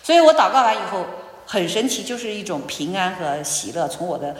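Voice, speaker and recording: Woman, church testimony, lively rising and falling voice, echoey hall. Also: mid-range voice, fairly quick. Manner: animated storytelling, acting out quoted dialogue. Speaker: church speaker giving testimony. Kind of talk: sermon testimony.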